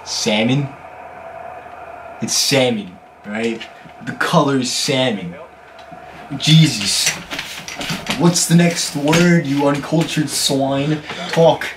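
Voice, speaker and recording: A young American man with a medium-pitched voice speaks slowly, casually bantering with a friend, teasing and playing dumb as a contestant in a pronunciation challenge. He's in a small bedroom, picked up by a camera a few feet away, so the sound is roomy and distant with clear background noise.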